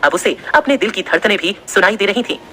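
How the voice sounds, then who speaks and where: A woman narrating an audio story in an expressive, steady storytelling manner. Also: mid-range voice, quick pace, slight background noise.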